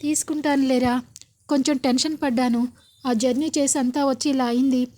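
A woman's voice: sits high, fairly even intonation, a little fast, lightly acted. Woman reading a tired older mother. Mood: weary. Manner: soft, weary speech.

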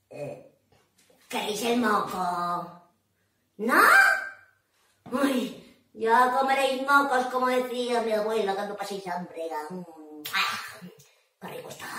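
A woman, telling a story to children in a playful, animated way and laughing often. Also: a little high. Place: library room. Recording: echoey room, voice from far off.

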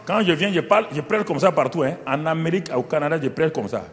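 A pastor with a West African French accent preaching a sermon, dramatically retelling scenes with sudden loud peaks. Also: male voice, a little high, lively intonation, quick pace, long reverb tail, slight background noise.

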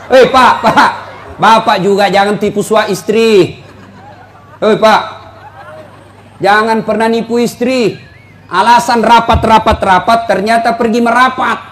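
A man preaching a lively, joking sermon, often mimicking other people's voices. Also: high-pitched, slow pace, pauses often, a faint crowd, slight background noise. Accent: Indonesian. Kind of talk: lively sermon to a police audience.

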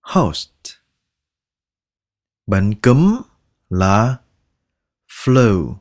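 A man teaching English pronunciation, repeating each word slowly and drawing out its sounds, patient and coaxing. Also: fairly low pitch, big pitch swings. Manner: patient, coaxing, ends phrases with soft particles. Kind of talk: slow pronunciation lesson.

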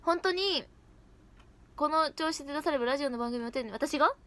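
Brief: young woman, high bright voice, giggly casual livestream chatter. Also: brisk. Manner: giggly, chatty, reacts to comments. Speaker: idol livestream host. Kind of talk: casual livestream chat reading comments.

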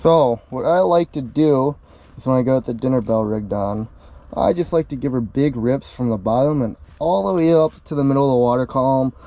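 With a mid-range voice at a moderate pace, a young man hosting a fishing channel chats casually while showing lures and rigging his line in a small ice fishing shelter. The sound is lo-fi with no echo, captured on a camera mic and then a head-mounted action camera.

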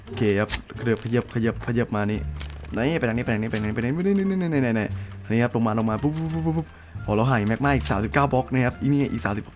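A man's voice: mid-range voice, expressive, rapid-fire, darkish tone, faint music behind. A young man hosting a game video, chatting casually, joking and swearing at his friends. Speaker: gaming channel host. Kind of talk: casual let's-play commentary.

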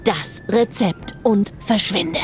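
A woman's voice: medium pitch, slow pace, faint music behind, lightly acted. A woman voicing a cutting, hostile young woman. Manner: curt, cutting. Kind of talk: game voice acting.

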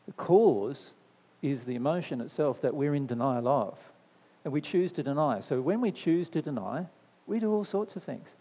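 Mellow man giving a reverberant spiritual talk. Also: a little high, lively intonation, moderate pace, breathy edge. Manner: conversational, checks in with "right?"; repeats phrases for emphasis. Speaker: speaker answering audience questions. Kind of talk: spiritual talk to a live audience. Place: discussion venue, indoors. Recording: long hall reverb.

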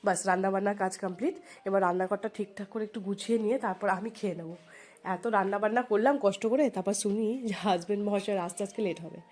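Talking very fast in a fairly even, mid-range voice, a woman rambles through homely narration for her viewers. Her tone is a little mellow, and a cold leaves her nasal and congested as she vlogs from home.

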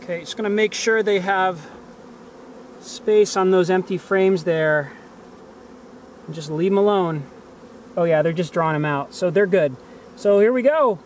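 A man in his forties with a high voice casually narrates a hive inspection as a beekeeper vlogger, partly talking to himself. He speaks at a measured pace with long pauses. Recorded outdoors in a grassy bee yard, there's slight background noise and the buzz of bees and other insects.

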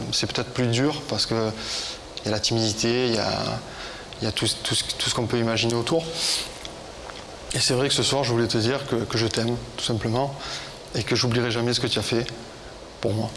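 A man in his thirties speaks with a Parisian French accent in a hesitant, heartfelt way. His pitch is medium, and some studio noise sits behind him. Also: steady tone, fairly quick, fairly bright tone. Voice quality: hesitant speech. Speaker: guest. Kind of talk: heartfelt unscripted talk. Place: television studio with audience.

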